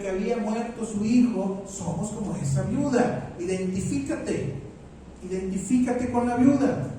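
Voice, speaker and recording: A man preaching a sermon as pastor, slow and deliberate, repeating his phrases. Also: high voice, warm tone, heavy reverb, recorded from a distance, a little hiss or hum, rough recording.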